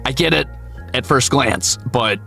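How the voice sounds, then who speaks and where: Over soft background music, a VTuber streamer and voice actor chats casually, his medium-pitched voice bright, forceful, and full of gravelly fry. Animated yet a little slow, he answers viewers candidly and playfully, swearing and mocking himself.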